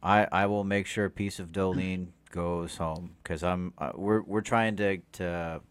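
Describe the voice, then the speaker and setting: Man, very low voice, dry close mic, easygoing podcast chat, halting restarts. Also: steady tone, clean tone, no room sound. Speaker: podcast co-host. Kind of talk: casual chat.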